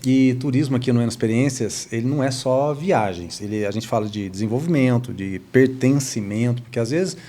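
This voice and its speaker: A man's voice: mid-range voice, a little fast, hardly any pauses, mellow. A man from Brazil, hosting a talk show in a chatty, enthusiastic way, with lots of rambling and tag questions. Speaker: host.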